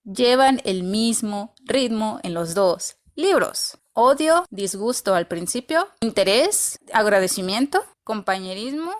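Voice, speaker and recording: A woman's voice: medium pitch, lively intonation, slow. Blunt woman reviewing books. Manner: blunt, opinionated and emphatic, with repeated insistence. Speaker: book reviewer. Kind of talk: casual book review monologue.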